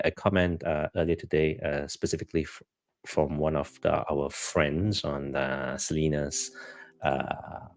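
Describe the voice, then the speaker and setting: A man's voice: low voice, vocal fry. A man with a Malaysian accent co-hosting a casual live chat, talking in a hesitant, rambling way. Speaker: co-host of a live stream.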